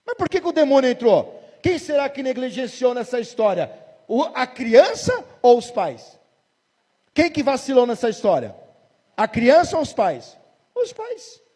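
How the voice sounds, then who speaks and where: A man's voice: very high voice, big pitch swings, moderate pace, a little mellow, slightly rough, long reverb tail. A Brazilian man in his forties, a pastor preaching a sermon emphatically and asking the congregation rhetorical questions. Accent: Brazilian Portuguese. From Brazil, São Paulo state. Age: 40s.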